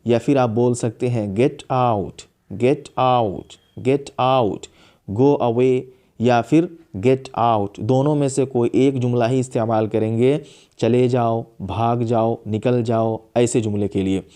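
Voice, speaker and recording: A man teaching a spoken English lesson, saying each English command slowly and repeating it several times. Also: medium pitch, steady tone, dark tone.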